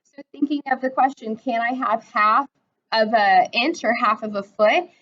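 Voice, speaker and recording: A recorded classroom lesson with dull, lo-fi sound: a woman in her twenties, voice a little high, teaches math at a normal speed. She breaks it down step by step and often asks "right?".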